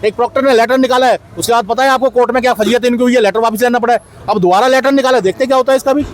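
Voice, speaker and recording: At an outdoor protest beside a street, a union president answers a reporter's questions on the spot, insistently repeating his points. His voice is very high-pitched and steady in tone, and he talks very fast.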